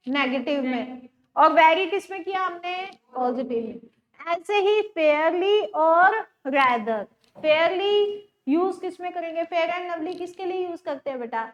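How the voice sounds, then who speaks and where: A woman's voice: very high-pitched, measured pace, dull audio. A woman teacher giving a chatty classroom lecture and telling her students stories. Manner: chatty, addresses students as beta.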